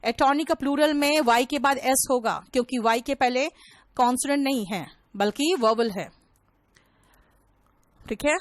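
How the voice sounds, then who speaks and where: A woman's voice: sits high, moderate pace, pauses often, no echo. A young woman teaching an online English vocabulary class, explaining in Hindi with English terms and calling her students "beta".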